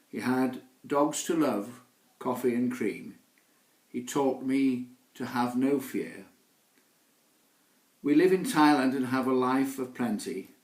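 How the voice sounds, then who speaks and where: A man's voice: medium pitch, darkish tone. A man reciting a rhyming poem in the voice of a happy, loyal rescued dog. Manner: cheerful rhymed recitation. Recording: roomy echo.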